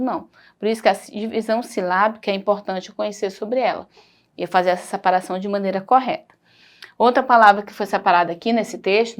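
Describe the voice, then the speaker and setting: This recorded primary school lesson comes from a female teacher whose voice is mid-range and whose accent is Brazilian Portuguese. She is patient and explanatory, indicating things along the way.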